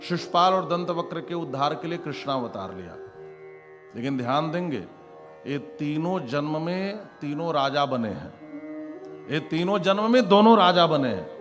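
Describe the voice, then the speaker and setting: A man telling devotional scripture stories as a sermon, dramatic, acting out the characters' lines with exclamations. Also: a little high. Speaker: Bhagavat katha preacher. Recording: long reverb with instrumental music behind.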